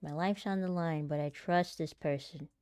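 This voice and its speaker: Practicing voice lines for her vlog, this aspiring voice actor and content creator laughs easily, chats and jokes at her own expense while thinking out loud. Her small, light voice is a little low for a woman, clear and resonant, with fairly even intonation at a moderate pace; the sound is close and dry with no echo, over soft background music.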